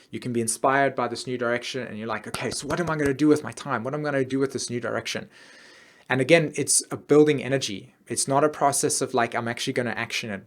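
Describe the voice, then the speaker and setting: Man, astrology forecast talk, rambling, restarts, animated, acts out planets in quoted voices. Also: medium pitch. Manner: rambling, many restarts and fillers.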